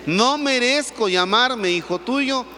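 A man's voice: sits high, expressive, measured pace, pushed and bright, long reverb tail, heavily acted. A man, a priest, acting out a hungry young son who repents and pleads to return to his father, in a church. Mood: repentant.

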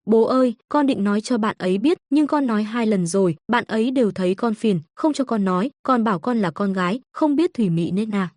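A woman voicing a sweet three-year-old girl with second sight in an audio story, soft and coaxing. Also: mid-range voice, lively intonation, fairly quick, few pauses, no echo, studio quality, close to an everyday voice. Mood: whispering.

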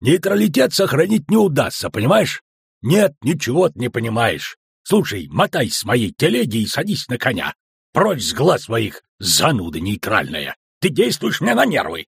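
A man voicing a gruff, hot-tempered male dwarf wagon driver who rants and shouts crude words in a husky voice. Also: fairly low pitch, big pitch swings, normal speed, dry recording, exaggerated voice. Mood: angry ranting.

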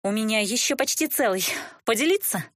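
Woman voicing a cranky young lady mage, raised pitch, sharp and curt, dry sound. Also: animated, a little fast, no room sound. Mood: snappish. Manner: snappish. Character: prickly, sharp-tongued young female mage.

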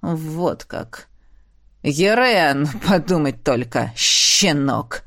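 A woman's voice: animated, very slow, a bit bright, full character voice. A woman voicing a cruel, cold-hearted male emperor who wields ice magic. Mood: cold menace. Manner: low, cold and menacing.

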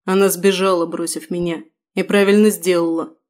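Bitter condemned prisoner, hollow and flat, in an audiobook, as a woman reads him. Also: on the low side, normal speed, natural voice.

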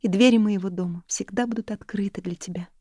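A woman voicing a gentle, affectionate female friend in an audiobook, speaking in a soft, raised, tender tone. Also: mid-range voice, quick pace, slightly rough, dry recording, clean studio sound, pitched above the performer's own voice, natural voice. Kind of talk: audiobook character reading.

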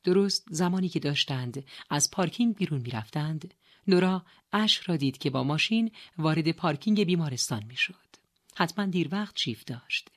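Woman narrating an audiobook, lower voice. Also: lively intonation. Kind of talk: scripted narration.

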